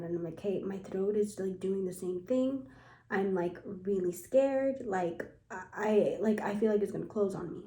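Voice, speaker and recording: A young woman chats to camera in a casual storytime vlog, her voice mellow and soft-edged. She keeps dropping "like" into her sentences as she relives an anxious moment. The room around her rings with a noticeable echo. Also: mid-range voice. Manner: anxious retelling, heavy use of "like". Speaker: vlogger. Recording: echoey room.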